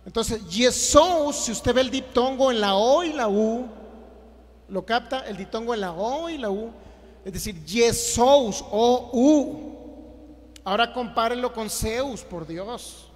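A man's voice: very high voice, normal speed, in a large hall. A man preaching a Bible teaching, emphatic and repetitive, often putting rhetorical questions to his listeners.

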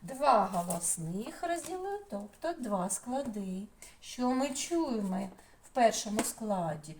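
A woman teaching young children a phonics lesson, singing out sounds and syllables and stretching them out slowly. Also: fairly high pitch, big pitch swings, a little hiss or hum. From Ukraine. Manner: slow, sing-song, drawn-out sounds and syllables. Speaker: preschool teacher. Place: home, distance lesson.

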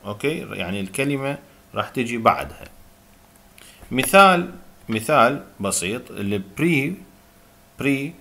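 A man with an Iraqi Arabic accent giving a recorded university lecture, reading English terms slowly and explaining them, with many hesitant filler sounds. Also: mid-range voice, sing-song, vocal fry, sharp tone.

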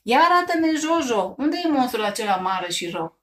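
A woman's voice: fairly high pitch, sing-song, pitched above the performer's own voice. A woman voicing a playful, loving father in a storybook reading, hearty and mock-serious. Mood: rousing.

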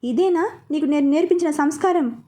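A woman's voice: high voice, a little fast, dark tone, natural voice. A woman voicing a stern elderly grandmother who scolds and gives orders, in a storybook reading. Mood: scolding. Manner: scolding, commanding.

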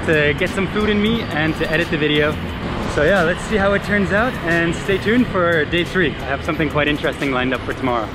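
A man in his thirties, a travel vlogger, talking casually and enthusiastically to a handheld camera held at arm's length outdoors. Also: on the high side. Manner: chatty, enthusiastic. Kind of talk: casual vlog narration. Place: outdoors on a city rooftop and streets. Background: background music.

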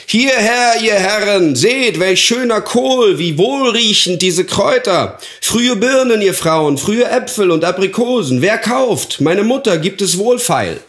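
A man doing a bold, shouting market boy. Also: a little high, lively intonation, moderate pace, few pauses, reverberant, pitched above the performer's own voice, natural voice. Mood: hawking. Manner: loud crying out, indignant scolding. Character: bold twelve-year-old market boy.

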